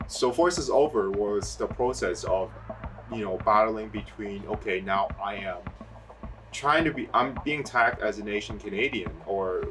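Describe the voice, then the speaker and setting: A young filmmaker from Hong Kong answers interview questions casually in a lowish voice, loose and chatty. He rambles in a relaxed way, peppering his speech with "like" and "you know." The mic is placed some distance away, so he sounds far off, with music playing underneath.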